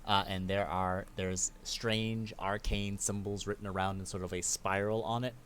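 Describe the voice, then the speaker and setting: A low-voiced man running a tabletop game as game master. He describes scenes in a relaxed, descriptive way, with faint background noise. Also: moderate pace.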